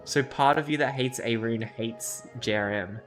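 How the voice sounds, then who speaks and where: A man livestreams a game while bantering casually, swearing, arguing, and teasing along the way. His medium-pitched voice moves a little slowly over soft background music.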